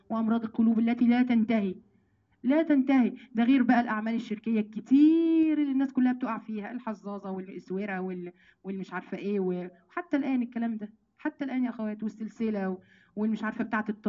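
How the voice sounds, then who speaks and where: A woman with an Egyptian accent giving an emphatic religious lesson to women, calling them sisters and slowing down to recite verses. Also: medium pitch, muffled recording. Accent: Egyptian Arabic. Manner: lively, emphatic, addresses listeners as sisters, slows down to recite verses. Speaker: Quran teacher.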